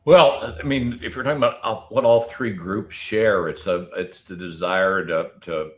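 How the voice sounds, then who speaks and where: A man with a low-pitched voice speaks as a panelist. He reasons aloud in a measured, analytical manner, often restarting his phrases. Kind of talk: extemporaneous panel commentary.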